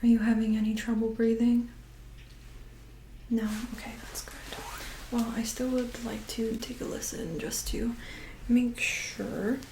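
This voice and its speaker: Gentle, calm woman in soft ASMR role-play. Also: a little high, unhurried, slight background noise, low-quality recording. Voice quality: soft, breathy, often soft-spoken. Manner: gentle, calm, reassuring nurse-like bedside manner. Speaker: ASMR performer playing a medical examiner.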